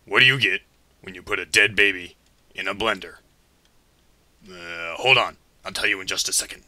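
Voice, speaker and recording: Man acting out a deep, forceful, flippant cartoon villain. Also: normal speed, no echo. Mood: flippant, stalling. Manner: casual, stalling, mock-menacing. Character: flippant, self-aware male villain, chatty and theatrical. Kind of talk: comedic anime parody dub.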